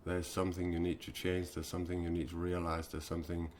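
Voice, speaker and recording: Danish man, low deep voice, spiritual live-stream talk, halting with fillers, faint noise behind. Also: monotone, darkish tone. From Denmark. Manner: halting, many fillers and restarts.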